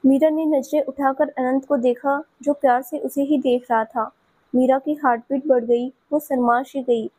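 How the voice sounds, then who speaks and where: A woman storyteller giving scripted audio-story narration in a steady, even manner. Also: high voice, moderate pace.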